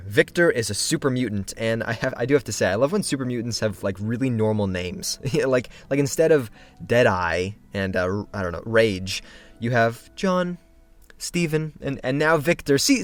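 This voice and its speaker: Man joking through a game rundown. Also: mid-range voice. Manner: playful, joking asides. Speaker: gaming video creator. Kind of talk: casual game commentary.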